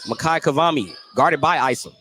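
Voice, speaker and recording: A radio play-by-play announcer calls a live basketball game in clipped, running phrases, his voice on the high side, animated, brisk and sharp. The broadcast comes from an indoor gym and is very noisy.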